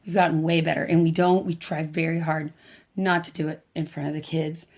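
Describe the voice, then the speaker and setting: A woman chatting casually on a family vlog, animated and giggly, with lots of restarts. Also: low-pitched, a little fast. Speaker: adoptive mother, vlogger. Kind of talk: casual chat.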